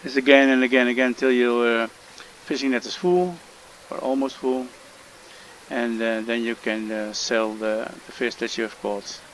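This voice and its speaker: A mid-range, fairly bright voice delivers this fishing game tutorial at normal speed and in a steady tone; the speaker is a Dutch-accented gamer from the Netherlands. His casual commentary stumbles with frequent fillers and hesitations, and the rough recording carries a little hiss or hum.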